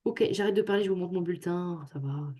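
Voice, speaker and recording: A woman's voice: fairly low pitch, fast, mellow. Chatty young woman on a video call. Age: young adult. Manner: chatty, joking, self-mocking. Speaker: student tutor. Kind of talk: casual talk on a video call. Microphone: computer microphone on a video call.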